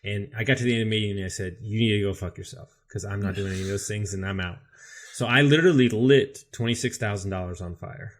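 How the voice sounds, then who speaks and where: A business coach appearing as a podcast guest tells his story in a casual interview, speaking quickly in a slightly low voice. He's candid, animated, and swears freely.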